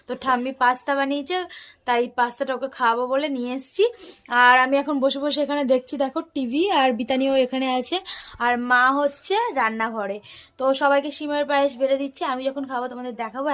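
A woman narrating a casual family vlog at home, talking straight to her viewers and dropping to a hushed voice at night. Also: high voice. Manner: chatty, addresses viewers directly; speaks hushed at night so the child can sleep. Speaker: family vlogger.

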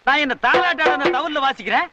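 A man's voice: extremely high pitch, fast talker, heavy background noise. An actor playing a boastful, bossy drum player who scolds and mocks his sleepy partner in a film comedy scene. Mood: scolding. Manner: pompous, scolding, sarcastic. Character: boastful middle-aged male drummer, bossy and scolding. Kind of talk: 1980s-90s Tamil film comedy dialogue.

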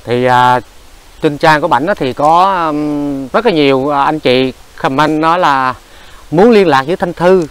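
A man's voice: a little high, measured pace, clean tone, poor audio. A man hosting a charity vlog, talking with many hesitant fillers and polite address to viewers. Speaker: charity vlogger host. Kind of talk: casual vlog narration and chat.

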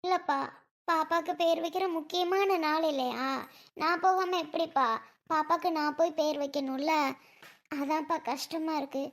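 A woman playing a very high-voiced, tearful young mother. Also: steady tone, normal speed. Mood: pleading. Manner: pleading, tearful. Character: young mother pleading with her father. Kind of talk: family drama skit.

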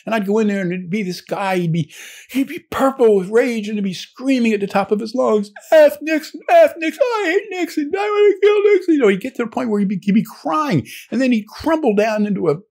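A man's voice: high voice, fast, vocal fry, a little mellow. An older man, a naval historian, telling long rambling stories from his student days with many restarts and asides. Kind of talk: anecdotal storytelling.

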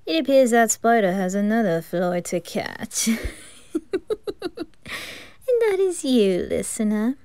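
A woman's voice: a little high, big pitch swings, takes it slowly, pauses often, mellow, clear, resonant tone, no echo, exaggerated voice. Woman voicing a giggling creepy undertaker. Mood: sly. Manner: giggly, playful, cackling laughs. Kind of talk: fan ASMR roleplay.

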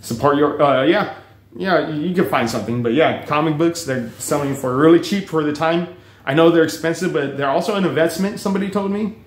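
A man's voice: fairly high pitch, brisk, echoey room. A man vlogging casual, rambling commentary on books and the news, full of fillers, restarts and swearing. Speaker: book reviewer vlogger.

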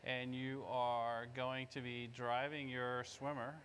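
A man in his fifties speaks slowly in a mid-range, level voice with a fairly bright tone. He's a presenter giving an informal live product demo on a stage in a large indoor conference hall, addressing the audience in short phrases.

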